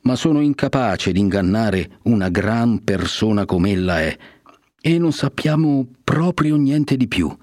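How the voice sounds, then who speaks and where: A man reading aloud voices a talkative older peasant mother in a storybook reading, pitching up for her. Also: animated, a little slow, darkish tone, dry recording, clean studio sound. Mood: eager.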